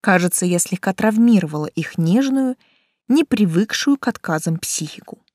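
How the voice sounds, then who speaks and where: A woman reading a first-person novel aloud in a wry, lively storytelling manner. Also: medium pitch, moderate pace, dry recording, studio quality. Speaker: audiobook reader.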